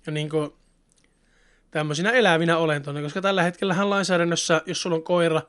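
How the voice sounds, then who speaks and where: Guy rambling away in a relaxed chat, smooth clear voice, kinda high. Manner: rambling and chatty, with many fillers. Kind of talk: casual chat.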